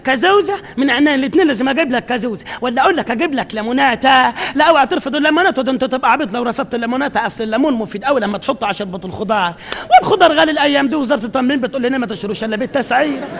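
In an old radio comedy sketch, a man plays a nosy, fussy Egyptian housewife, rattling off rapid, rambling, scolding chatter without pause in an Egyptian Arabic accent. His exaggerated voice is very high-pitched and fairly bright, with lively intonation, and the archive recording sounds dull.

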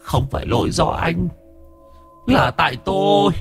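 A wailing old ghost, high and pained. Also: male voice, expressive, a little slow, creaky, faint music behind. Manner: moaning, pleading.

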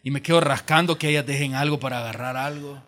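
A man's voice: mid-range voice, steady tone, fast, a bit bright. A man preaching a sermon as pastor in a church auditorium, telling stories in a conversational way and acting out the voices he quotes. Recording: long hall reverb from church auditorium.

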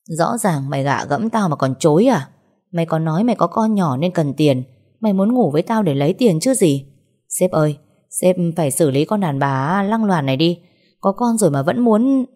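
A woman's voice: lowish voice, expressive, moderate pace, dark tone. A woman voicing a drunk, lecherous older male sales manager who blusters and then grovels, stammering through fillers. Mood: accusing.

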